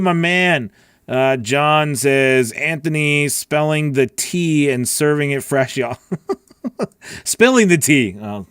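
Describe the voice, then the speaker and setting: A middle-aged voice-over coach hosts a casual livestream from his small home studio, chatting and rambling in a friendly, informal way as he answers viewers. His medium-pitched voice is smooth and fairly bright, captured by a close broadcast mic on a boom arm with clean, echo-free studio sound.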